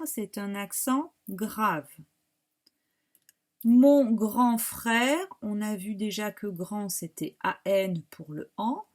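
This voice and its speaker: A woman teacher with a French accent giving a slow, careful dictation lesson to young pupils, spelling words out. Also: mid-range voice, darkish tone. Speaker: primary school teacher.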